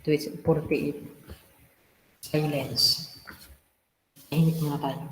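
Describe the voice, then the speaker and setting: A man leading an online exam review class, switching between Tagalog and English and teasing the class with quick rhetorical questions. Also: on the high side, little pitch movement, big-room sound, a little hiss or hum, low-quality recording. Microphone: video call.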